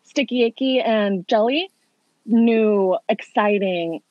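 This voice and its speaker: A woman's voice: mid-range voice, slow, dry recording, dull audio. A young woman co-hosting a podcast in casual chat, blunt and swearing freely. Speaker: podcast co-host.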